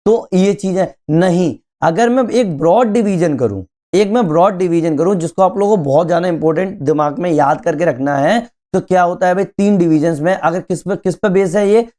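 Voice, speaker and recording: A male teacher giving an exam-prep geography lecture, explaining slowly, repeating key terms and often checking that students follow. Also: high-pitched, dark tone. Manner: keeps asking students if they follow.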